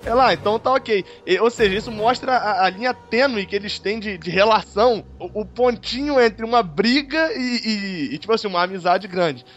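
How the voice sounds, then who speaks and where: A man co-hosting a casual podcast, retelling scenes in an animated way and acting out the characters' lines. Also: high-pitched, brisk, few pauses. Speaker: podcast co-host. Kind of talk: casual recap chat about a TV episode. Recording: dull lo-fi audio with faint music behind.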